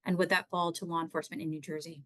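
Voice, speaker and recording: A woman's voice: deep voice, level tone, racing, pushed and bright, no echo. A woman moderating a press briefing, reading out reporters' questions in a polite, businesslike way.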